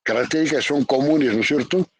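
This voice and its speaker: Man lecturing slowly, repeating definitions. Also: mid-range voice, slightly rough, dry recording. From Peru. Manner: calls on students by name, repeats definitions with tag questions. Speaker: university economics professor. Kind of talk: lecturing in a virtual class. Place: home, online class. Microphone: computer mic on a video call.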